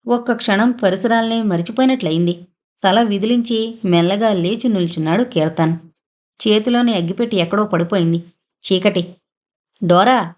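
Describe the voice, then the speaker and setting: A woman reading a horror thriller audio novel aloud, in a steady, dramatic storytelling manner. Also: medium pitch, brisk. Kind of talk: scripted horror narration.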